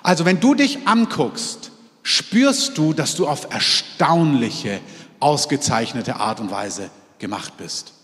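A man preaching a sermon to his congregation, lively, moving between loud exclamations and quiet, intimate asides. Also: mid-range voice, slow pace, big-room sound. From half French, in Germany. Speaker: pastor. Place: church hall.

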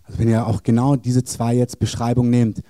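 A man's voice: mid-range voice, completely flat delivery, brisk, dark tone. A man preaching a charismatic sermon in a church, speaking encouragingly and directly to the congregation.

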